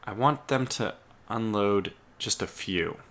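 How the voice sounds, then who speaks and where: Slight background noise accompanies this man's slow, fairly low, fairly bright voice as he mutters through a casual strategy-game let's play. Typing sounds continue behind him, and he clears his throat as he loses his voice.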